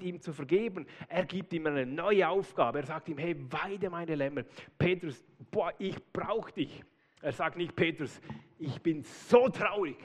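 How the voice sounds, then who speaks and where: Lively preaching man, echoing church hall. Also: fairly high pitch. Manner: lively, conversational preaching with casual interjections. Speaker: pastor. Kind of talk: sermon. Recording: long hall reverb.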